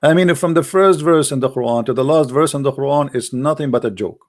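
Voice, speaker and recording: A man, a religious debater, delivers a polemical, argumentative monologue packed with rhetorical questions, in slightly broken English. His mid-range voice moves fairly quickly.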